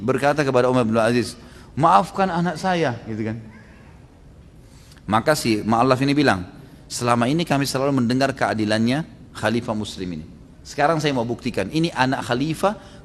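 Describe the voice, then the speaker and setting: A male Islamic preacher giving a storytelling sermon, acting out quoted characters with lively shifts and frequent tag questions. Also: mid-range voice. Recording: long reverb of a large hall.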